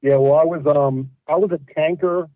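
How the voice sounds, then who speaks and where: A man's voice: fairly high pitch, steady tone, moderate pace, no echo. A middle-aged man calling in to a radio show. His voice comes over a hollow phone line that sounds like he is talking through a pipe, and he asks plain questions with short restarts. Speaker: caller. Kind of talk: call-in radio chat. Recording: tinny muffled phone line.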